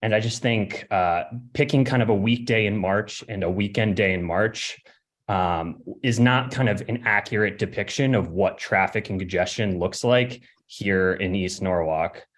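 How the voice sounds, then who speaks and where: A young man from Connecticut giving a hesitant public comment at a city hearing over a remote call, with many fillers and throat clearing. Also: on the low side, moderate pace. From Connecticut, USA. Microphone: remote call audio.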